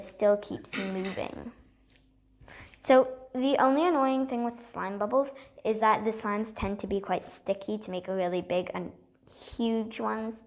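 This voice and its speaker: A woman's voice: mid-range voice, a little mellow. A bubbly, chatty woman hosting a casual slime vlog at a table at home, with frequent ums. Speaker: slime video host. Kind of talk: casual show-and-tell vlog.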